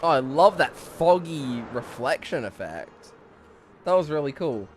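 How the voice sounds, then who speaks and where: A man's voice: on the high side, lively intonation, unhurried, a little hiss or hum. A young man giving casual live commentary on his gameplay, rambling and swearing, a bit out of breath. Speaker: streamer.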